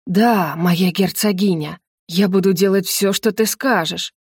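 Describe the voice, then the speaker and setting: A woman voicing a hot-tempered, jealous young husband who growls and shouts. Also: fairly low pitch, animated, normal speed, no room sound, studio quality, close to an everyday voice. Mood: tender.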